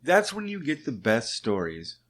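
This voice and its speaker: A man's voice: mid-range voice, wildly swooping pitch, a little slow, a bit bright. A man co-hosting a podcast, chatting casually and telling stories with jokes and swearing. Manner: profane, joking, storytelling. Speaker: podcast co-host. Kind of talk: casual chat.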